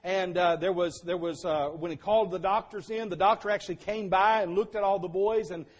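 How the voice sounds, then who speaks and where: An older man preaching a sermon, telling stories and building to fervent shouts. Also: sits high, fairly even intonation, a little fast. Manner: storytelling, builds to shouting at climaxes.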